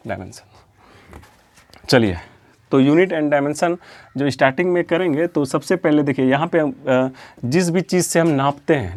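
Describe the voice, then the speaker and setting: Man teaching, repeating key terms. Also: on the high side. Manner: repeats key terms, asks questions and answers them himself; steady, explanatory, drills terms. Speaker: physics teacher. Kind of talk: classroom-style lecture.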